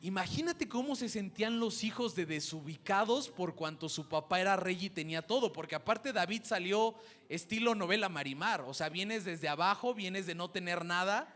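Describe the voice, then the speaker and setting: Animated high-voiced preacher. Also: male voice, normal speed. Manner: animated storytelling, acting out quoted parents. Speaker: preacher and schoolteacher. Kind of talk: sermon.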